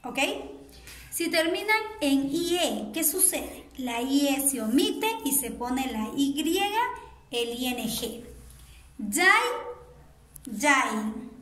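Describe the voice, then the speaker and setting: High-voiced teacher lady, super slow, drilling english verbs. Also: a bit bright, reverberant, low-quality recording. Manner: drills word pairs, checks in with frequent "ok?". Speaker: primary school English teacher. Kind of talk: slow bilingual grammar lesson, spelling words aloud.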